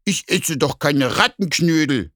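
A man voicing a grumpy but good-natured bear in a children's story, with a slow, grumbling manner. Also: fairly high pitch, expressive, a bit bright, no echo, clean studio sound, voice pushed up. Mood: calm.

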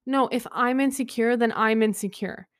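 Young woman podcaster ranting casually, kinda high voice, super clean and smooth. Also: moderate pace. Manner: chatty, opinionated, frequent "like". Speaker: podcast host. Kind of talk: solo podcast rambling review.

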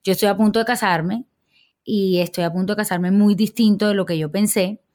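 A woman's voice: medium pitch, fairly even intonation, fairly quick, darkish tone. Young woman hosting a chat. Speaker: host. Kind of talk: casual chat.

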